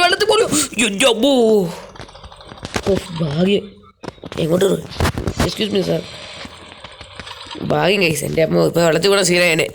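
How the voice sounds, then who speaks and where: Young male gaming YouTuber, casual and excitable, talks straight to viewers, faint hiss on the mic. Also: fairly high pitch, vocal fry. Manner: chatty, keeps calling out to guys; jumps into loud excited shouts. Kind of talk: casual gameplay commentary.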